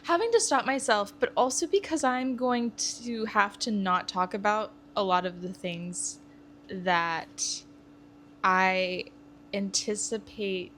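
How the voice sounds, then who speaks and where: A woman's voice: mid-range voice, takes it slowly, fairly bright tone, a little hiss or hum. A young woman co-hosting a casual book-discussion podcast, eager and thinking aloud as she talks. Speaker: podcast co-host.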